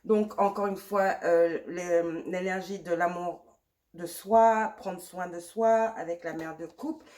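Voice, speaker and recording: Slow and steady, a tarot reader with a lowish, slightly mellow voice offers a pick-a-card reading despite a cold and sore throat. She addresses the viewer directly from close to the mic, repeating herself reassuringly and mixing English words into her speech.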